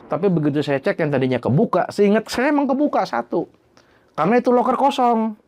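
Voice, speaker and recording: A man telling his own horror story in a casual, slangy way. He swears freely and acts out the bangs and creaks he heard. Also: sits high, fairly quick, heavy background noise. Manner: animated, imitates sounds like bangs and creaks.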